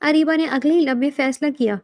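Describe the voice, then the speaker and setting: A woman narrating a romance novel as a bedtime story, in a steady, dramatic reading. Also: high-pitched, no echo.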